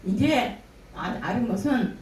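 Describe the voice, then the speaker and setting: An older woman giving a spoken church testimony, telling her story with lively storytelling and acting out the words of others. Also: fairly high pitch, slow. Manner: animated storytelling, acting out quoted dialogue. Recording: echoey room from a distance, faint noise.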